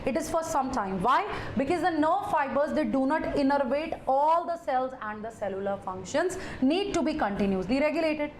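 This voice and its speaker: A woman teacher with a high voice and a North Indian accent gives a live lecture. She speaks straight to her students, repeats her phrases and slips in Hindi interjections. The room is echoey, with faint noise behind her. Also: lively intonation, normal speed, few pauses.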